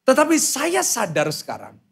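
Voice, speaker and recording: Husky preaching man, loud and lively. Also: very high-pitched, moderate pace. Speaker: pastor. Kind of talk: sermon.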